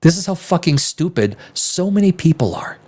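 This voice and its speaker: On the high side with big pitch swings, his voice is darkish and slightly rough, moving at a moderate pace. He's a livestream host in his fifties from Canada, originally from the Czech Republic, with a North American accent, chatting spontaneously in an emphatic, profane manner with frequent repetition.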